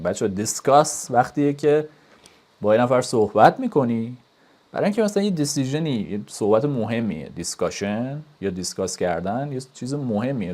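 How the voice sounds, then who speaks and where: A man teaching an English grammar lesson, explaining casually and reading examples slowly and deliberately. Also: mid-range voice. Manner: lively, switches between casual Persian explanation and slow, deliberate English examples.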